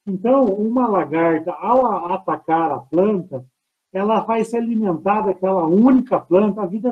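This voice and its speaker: A man's voice: sits high, phone-quality sound. A Brazilian man, a professor, explaining step by step in an online lecture, heard through a thin headset mic on a video call. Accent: Brazilian Portuguese. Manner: explains step by step, asks himself rhetorical questions. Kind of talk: online lecture answering audience questions.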